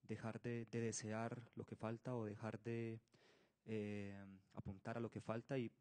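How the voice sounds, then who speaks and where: A man with a Colombian accent speaks in a dark, slightly low voice. His informal comment is hesitant and deliberately phrased, with little change of pitch. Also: dry recording. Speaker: conference attendee.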